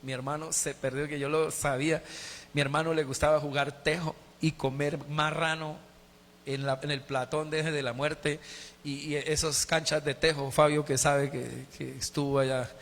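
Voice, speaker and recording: A man's voice: on the high side, little pitch movement, moderate pace, a bit bright. A middle-aged man, a Colombian pastor, preaching a sermon and telling a personal testimony with emotion and a lot of repetition. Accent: Colombian Spanish. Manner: emotional storytelling with heavy repetition. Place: church sanctuary. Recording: long church reverb.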